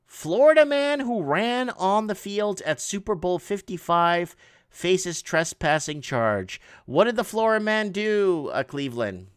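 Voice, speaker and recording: The voice here is high-pitched and swings widely in pitch, clear and resonant, recorded dry with studio quality. It belongs to a middle-aged man, Portuguese by first language, who hosts an online news program and reads the headlines in a halting manner, full of restarts and casual side comments.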